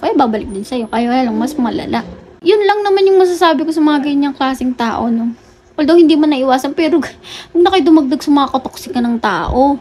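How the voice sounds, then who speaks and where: Blunt high-voiced woman lecturing. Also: darkish tone, a little hiss or hum. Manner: blunt, lecturing, swears casually. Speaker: vlogger. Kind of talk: casual rant to camera.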